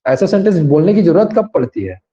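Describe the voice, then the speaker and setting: A man teaches grammar in an online class, speaking in a somewhat high but dark, mellow voice. He explains step by step and keeps asking students to raise their hands. The recording sounds dull and lo-fi. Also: big pitch swings, quick pace.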